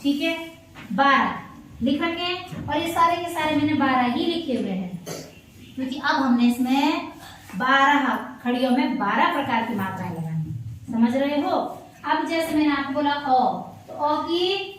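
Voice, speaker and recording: A woman's voice: high voice, lively intonation, unhurried, a bit bright, slight background noise. A woman teacher giving a patient classroom lesson, prompting her pupils to repeat each sound after her. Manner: patient, repetitive call-and-response prompting. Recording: echoey room, voice from far off.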